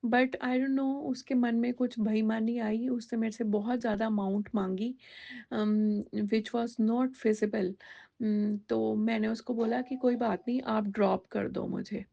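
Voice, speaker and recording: A woman's voice: on the high side, fairly even intonation, measured pace, gravelly, warm tone, highs cut off. A woman telling a personal devotional testimony in a conversational way, slipping English words into her talk with many fillers.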